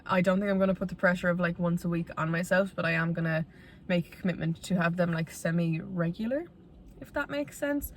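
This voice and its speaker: A woman in her twenties speaks with a west of Ireland accent in a fairly low voice. She talks like a vlogger confiding in her viewers, casual and candid. Her delivery is conversational and rambling, with a self-deprecating streak. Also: steady tone, quick pace, slight background noise. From Galway, Ireland. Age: 20s.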